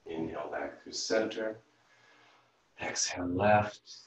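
Speaking slowly in a deep voice, a physical therapist who teaches yoga guides a class from home via video call. His calm instructions walk through breath and movement one step at a time, recorded far off the mic in a very echoey space.

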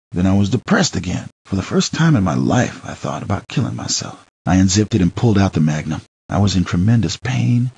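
A man narrates a first-person memoir as an audiobook, his husky, gravelly voice sitting on the low side. His theatrical reading swings between hushed and heated. The recording is dry and lo-fi.

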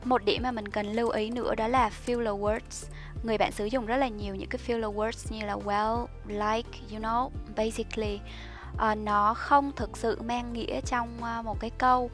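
A woman's voice: a little high, little pitch movement, moderate pace. Chatty young woman giving study tips. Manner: chatty, explanatory, with soft fillers. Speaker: IELTS teacher. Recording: soft music behind the voice.

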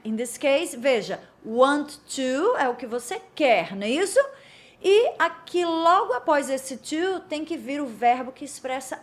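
A young woman teaching an English lesson, with a Brazilian accent and Portuguese as her first language. She drags out the model phrases slowly and explains between them more quickly. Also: sits high.

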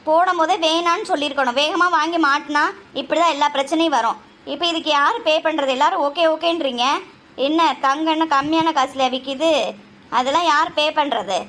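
A woman voicing a sharp-tongued young cartoon woman who scolds and nags. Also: high-pitched, a little fast. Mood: scolding. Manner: scolding, nagging. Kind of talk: cartoon voice acting.

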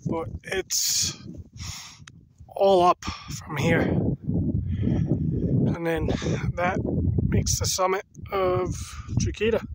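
A hiker films his climb up a rocky mountaintop, narrating to a handheld camera on a pole in a chatty, unhurried, casual trail-vlog style while he climbs. His high-pitched voice gets a little shaky with the effort, and the outdoor camera mic picks up loud wind noise.

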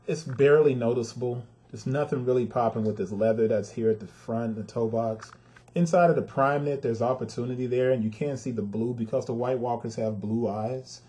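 Frustrated man reviewing sneakers, mellow voice. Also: medium pitch, fairly quick. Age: adult with a son. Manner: frustrated, emphatic, talks to viewers directly. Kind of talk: casual video review.

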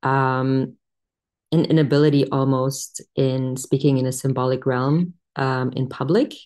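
Very low-voiced woman on a video call. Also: steady tone, a little slow, a little mellow. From Germany. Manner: hesitant, many ums, thoughtful. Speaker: panelist. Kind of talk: panel discussion on video call. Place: home room indoors.

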